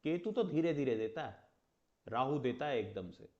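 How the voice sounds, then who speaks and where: A man's voice: mid-range voice, expressive, normal speed, warm tone, muffled recording. A man teaching an astrology class in a conversational way, asking rhetorical questions and acting out little exchanges. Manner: conversational, explains with rhetorical questions and mock dialogue. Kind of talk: lecture in Hindi with English terms.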